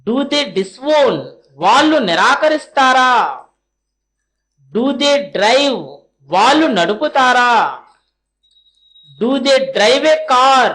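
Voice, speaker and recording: A woman teaching spoken English, reading short question drills slowly and with deliberate spacing, each followed by a translation. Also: high-pitched, lively intonation, fairly bright tone.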